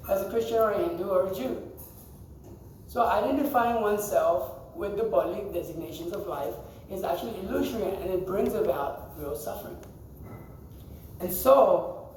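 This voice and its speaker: High-pitched and darkish in tone, a man's voice leads a scripture class for a group in a temple hall amid slight background noise. He chats casually, quizzes the audience and often laughs. The mic sits far off in the echoing hall.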